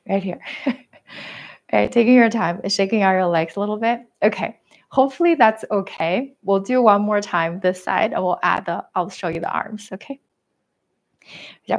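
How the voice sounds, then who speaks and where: A woman teaching a live tai chi class at home, giving gentle step-by-step cues with a quick "right?" or "okay?" between them. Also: mid-range voice. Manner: gentle guiding cues with frequent "right?" and "okay?", self-deprecating laughs. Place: living room at home. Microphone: webcam and room mic while moving around.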